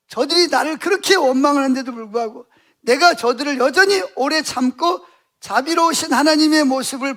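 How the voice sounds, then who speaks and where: A man voicing God in a sermon retelling, giving Moses grave, measured commands. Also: very high-pitched, a bit bright.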